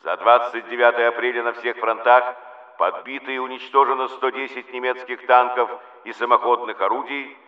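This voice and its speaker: Male announcer, measured and declamatory, mid-pitched voice; muffled archival radio sound. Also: steady tone. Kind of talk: wartime radio news bulletin. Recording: dull, roomy archival radio recording.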